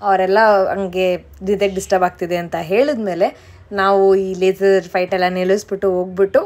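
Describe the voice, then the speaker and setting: A woman's voice: medium pitch, flat delivery, fairly quick, a little mellow, no echo. A woman vlogging on a walking pilgrimage, chatty and teasing, mixing English into her talk. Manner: chatty, teasing, switches between Kannada and English. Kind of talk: casual travel vlog with narration. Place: outdoors at a crowded pilgrimage camp. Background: crowd chatter.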